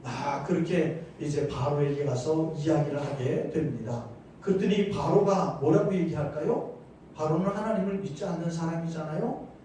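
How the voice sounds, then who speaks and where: A man's voice: a little high, moderate pace, mellow. A male pastor preaching a sermon, telling the story animatedly and asking the congregation questions. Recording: echoey church hall, distant mic, faint noise.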